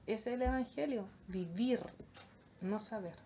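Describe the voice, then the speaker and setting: A woman's voice: a little high, unhurried. Chilean woman giving an earnest youth talk. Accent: Chilean Spanish. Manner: earnest, animated, acts out quoted voices. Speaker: youth group speaker. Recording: dull lo-fi recording, faint noise.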